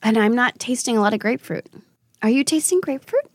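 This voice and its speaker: A woman's voice: fairly high pitch, lively intonation, quick pace, slightly rough, no room sound, clean studio sound. A woman hosting a casual tasting chat, giggly and chatty, admitting she is a bit tipsy. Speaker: host.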